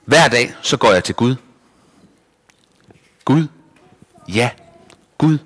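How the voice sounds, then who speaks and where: A man voicing a calm, carefree wooden girl doll who speaks breezily and matter-of-factly. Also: mid-range voice, husky, long reverb tail. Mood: breezy.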